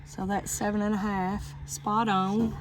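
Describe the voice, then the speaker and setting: A woman's voice: medium pitch, flat delivery, a little slow. A middle-aged woman filming on a handheld phone outdoors, explaining things casually in a plain-spoken, folksy way. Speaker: farm vlogger. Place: outdoors in a farmyard. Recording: outdoor handheld recording with background noise.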